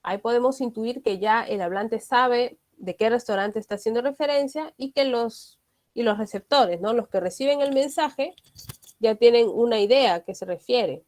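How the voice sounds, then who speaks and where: A woman leads an English grammar lesson in a slightly high voice. She explains step by step and keeps checking that her students follow. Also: moderate pace, darkish tone. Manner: explanatory, often checks understanding with tag questions. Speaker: English teacher.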